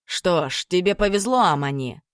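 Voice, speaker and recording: Brief: cold, threatening sheikh in an audiobook, read by a woman, lower voice. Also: lively intonation, moderate pace, dry recording, clean studio sound, close to an everyday voice. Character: menacing domineering male sheikh.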